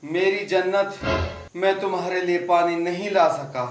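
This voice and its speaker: A man's voice: sits high, fairly even intonation, unhurried. A man playing a heartbroken old blind father. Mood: sorrowful tender. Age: older. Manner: pleading, poetic and sorrowful. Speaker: voice actor. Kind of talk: melodramatic audio drama. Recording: roomy voice over background music.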